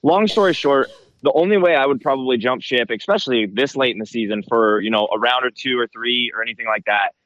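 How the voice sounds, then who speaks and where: A man speaks as a racer being interviewed, informal and full of little check-in tags. His voice is mid-pitched and comes through headphones used as a mic. The sound is a little dull, with no room echo. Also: fast, a bit bright. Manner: informal, slangy, frequent check-in tags like "right?" and "you know". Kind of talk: casual interview answers.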